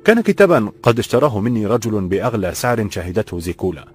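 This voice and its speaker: A man voicing a calm, kind old bookseller who speaks formal classical Arabic, in a slightly raised voice. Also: on the low side, quick pace, slightly rough, soft background music.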